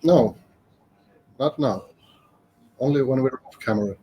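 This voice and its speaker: A man's voice: mid-range voice, unhurried, mellow, slightly rough, rough recording. A man co-commentating a live game tournament with dry, wry remarks. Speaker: esports co-commentator.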